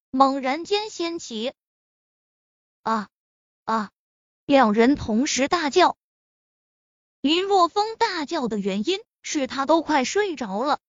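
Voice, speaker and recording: A woman narrating a web-novel audiobook with expressive storytelling. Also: high voice, no room sound. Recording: dry, slightly dull audio.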